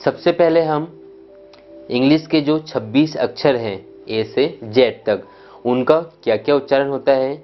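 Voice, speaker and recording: Slow, deliberate male teacher, lo-fi sound. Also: mid-range voice. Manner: deliberate, repeats letters and sounds one by one. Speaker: spoken English teacher. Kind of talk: slow explanatory lesson. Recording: dull lo-fi sound with faint music.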